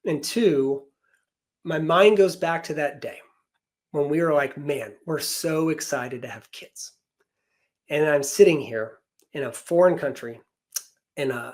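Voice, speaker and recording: A man's voice: a little high, a little mellow. A man in his thirties, a podcast guest, earnestly telling an emotional personal story about loss and faith.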